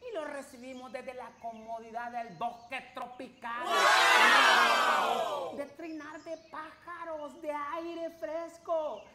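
A man's voice: very high voice, flat delivery, unhurried, few pauses, a bit bright, reverberant, a faint crowd, a little hiss or hum. A middle-aged man playing a cheerful, childlike clown host of a kids show, speaking in an exaggerated, wide-eyed, theatrical way. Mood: cheerful, welcoming. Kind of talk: kids show host, animated story reading.

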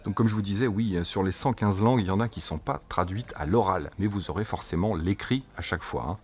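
A man casually demonstrating a gadget as a tech reviewer, chatty and jokey, and speaking his test phrases slowly and clearly. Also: low-pitched, a little mellow. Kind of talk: casual product demo.

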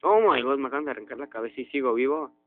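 A young man chatters through a video game, his voice shooting up into loud, high yelps of surprise. His pitch sits in the middle for a man. The audio is tinny and narrow, like a phone line. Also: very fast. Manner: excitable, jumps to loud high outbursts. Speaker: gaming youtuber. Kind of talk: let's play commentary.

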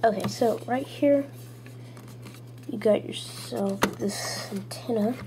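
A young person, maybe a child or teen, rambles informally through a gadget review at a slow pace in a medium-pitched voice. They're in a small room at home, recording on a handheld camera's built-in mic, so the audio is noisy and full of clicks.

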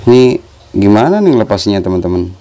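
Low-voiced young man. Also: sing-song, brisk, warm tone. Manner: chatty, talks to birds in a coaxing voice. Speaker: vlogger and bird keeper. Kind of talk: casual vlog chat. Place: outdoors among bird cages. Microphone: phone camera. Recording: noisy outdoor phone recording. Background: birds chirping.

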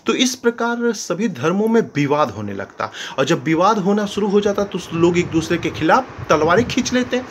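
Guy with a high voice teaching a history class, keeps asking clear?, bit of noise behind. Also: big pitch swings, moderate pace, hardly any pauses. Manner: explanatory, keeps asking "clear?" and acts out quotes. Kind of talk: school history lesson.

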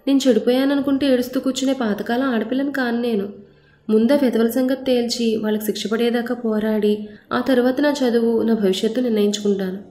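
A woman's voice: a little high, steady tone, brisk, echoey room, close to an everyday voice. A woman storyteller voicing a defiant, angry young woman who answers back sharply. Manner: sharp, indignant retorts.

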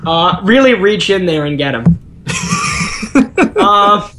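A man's voice: high-pitched, expressive, slow. Man, casual gaming chat, rambling, giggly, filler words, faint background hiss. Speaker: gamer.

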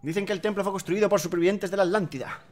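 A man's voice: high voice, racing, soft background music, lightly acted. A man from reading out a pompous, suspicious male temple keeper from a video game. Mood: haughty. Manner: reads game dialogue aloud half-acted.

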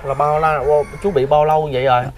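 A man's voice: a little high, little pitch movement, quick pace. A man, hosting and asking short, polite questions outdoors. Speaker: host interviewer. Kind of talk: casual interview.

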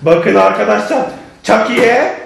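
A man's voice: sits high, lively intonation, takes it slowly, vocal fry, echoey room, a little hiss or hum. A man in a casual family vlog, playfully talking to viewers, his kids and their pets. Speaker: father and family vlogger.

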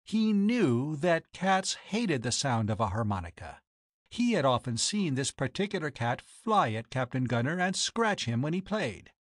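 A man's voice: medium pitch, big pitch swings, a little slow, dry recording, clean studio sound. A man reading the lines of a proud, cold woman who keeps a boarding house, speaking formally and accusingly. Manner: formal, accusing, coolly biting.

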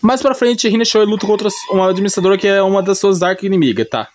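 A man with a Brazilian accent and a high-sitting voice talks quickly as he casually retells an anime story off the cuff. He's a YouTube anime recapper, rambling and slangy, and he often corrects himself.

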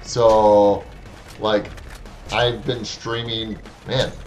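This Wisconsin man in his thirties has a fairly low, slightly mellow voice, stretching out his words in an even tone. Streaming from his little home room on a headset, he jokes dryly and talks back to the game, the audio dull with soft music underneath.

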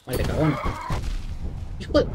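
A man's voice: a little slow, very noisy. A man doing casual let's-play commentary like a scared horror game streamer, jumpy and swearing freely. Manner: foul-mouthed. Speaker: gaming streamer.

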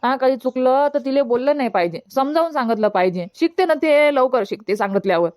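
A woman's voice: high-pitched, expressive, quick pace, darkish tone, no echo, studio quality. A woman playing a fretful, chatty village mother who is unwell.

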